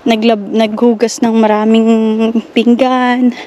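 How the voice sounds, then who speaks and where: A woman from the Philippines talks to her viewers in a relaxed travel vlog, recorded outdoors on a handheld phone while she walks a rocky hillside. Her voice sits a touch high and her delivery is very unhurried. She stays courteous and chatty, often pausing to find her words, with faint outdoor ambience behind her. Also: a little hiss or hum. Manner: chatty and polite, with many hesitations. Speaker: travel vlogger. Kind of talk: casual vlog narration while walking.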